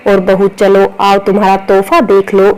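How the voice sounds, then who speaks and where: A woman's voice: mid-range voice, monotone, moderate pace, a little hiss or hum, natural voice, poor audio. A woman doing a doting old father-in-law. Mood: fond. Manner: warm, scolding. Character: affectionate, stern elderly father-in-law.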